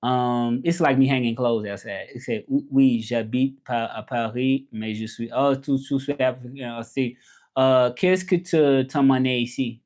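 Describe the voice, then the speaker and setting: Speaking in a mid-range, darkish voice at a moderate pace, a man from the American South chats casually as host of a livestream. The language content creator is colloquial, tends to repeat himself, and switches between English and French.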